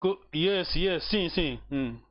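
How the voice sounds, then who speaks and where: A man teaching a casual one-on-one language lesson, relaxed and encouraging, with many fillers and repeated words. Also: a little high, slow, muffled recording.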